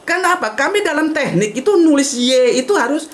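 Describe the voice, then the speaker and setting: A man's voice: very high-pitched, expressive, a little fast, fairly bright tone. A man giving a blunt, outspoken casual talk to an audience, often tagging sentences with "gitu loh". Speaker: invited speaker at a religious discussion.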